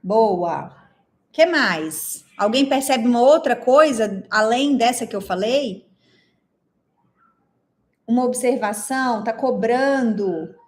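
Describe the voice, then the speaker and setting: Woman, Brazilian Portuguese accent, fairly high voice, expressive instructor, questions the audience, live online class. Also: slow.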